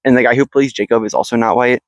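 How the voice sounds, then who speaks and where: A man co-hosting a podcast in casual chat, teasing in a dry, deadpan way, recorded outdoors on a handheld mic. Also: medium pitch, quick pace, no echo, muffled recording. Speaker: podcast co-host. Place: outdoors in the woods. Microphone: handheld mic passed between speakers.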